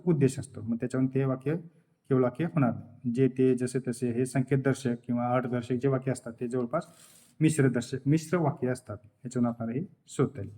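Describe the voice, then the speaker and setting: A man teaching a grammar lesson for exam preparation. He asks questions, answers them himself, repeats the key terms and now and then clears his throat. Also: medium pitch, warm tone.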